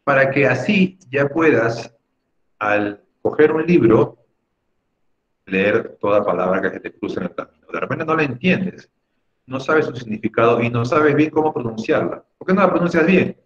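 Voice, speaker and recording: A man lectures patiently to an online class, often pausing to check that students follow. His voice sits at an ordinary middle pitch. It comes through a video call microphone with dull, lo-fi sound. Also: animated. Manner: patient, explanatory, often asks "¿no?". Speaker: teacher.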